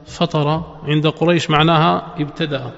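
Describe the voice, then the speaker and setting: A man's voice: fairly high pitch, flat delivery, moderate pace, creaky, fairly bright tone. A man, a sheikh giving a religious lesson who asks listeners rhetorical questions and chants verses melodically. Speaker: sheikh teaching Quran exegesis. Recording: echoey hall, dull lo-fi sound.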